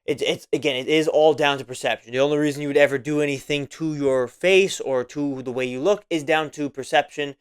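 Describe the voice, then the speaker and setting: A man's voice: on the high side, fairly quick, few pauses, clean tone. A man of about twenty hosting a casual solo podcast monologue, rambling and repeating himself with many fillers. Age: 20s. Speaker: podcast host.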